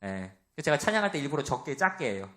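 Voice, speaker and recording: A man preaching a sermon to young adults, with a loud voice, asking the congregation questions and acting out the voices he quotes. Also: on the high side, big pitch swings, quick pace. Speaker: pastor.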